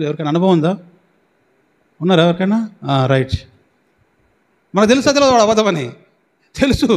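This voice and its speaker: Male pastor with a high voice, preaching emphatically and quizzing his flock, church hall with long reverb. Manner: preaching with questions to the congregation; repetitive, emphatic delivery. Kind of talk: sermon.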